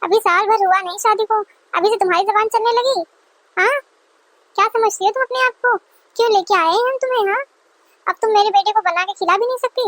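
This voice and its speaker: A woman voicing a nagging, quick-tempered middle-aged mother-in-law who scolds sarcastically, in a dry close recording. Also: very high voice, fairly bright tone, dry recording. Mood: scolding.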